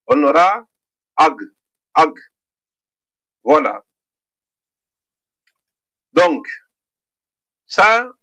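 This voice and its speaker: A middle-aged man with a Guinean French accent teaching a literacy lesson, slowly sounding out syllables and often checking in with the class. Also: on the high side, bright, forceful tone. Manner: slow, deliberate, repeats each sound; checks in with "d'accord?".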